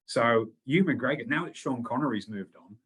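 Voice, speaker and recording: Male interviewer, Scottish-born with an Australian tinge, husky voice, chatty and jokey. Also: medium pitch, expressive, moderate pace, a bit bright. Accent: Scottish mixed with Australian. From Scotland. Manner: chatty, jokey, laughs easily. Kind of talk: casual interview chat.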